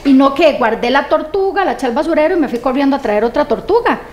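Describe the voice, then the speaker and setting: A woman, a guest expert on grief, answering interview questions in a calm, measured way and often checking in with a tag question. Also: sits high. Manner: calm, measured, often ends points with "¿verdad?".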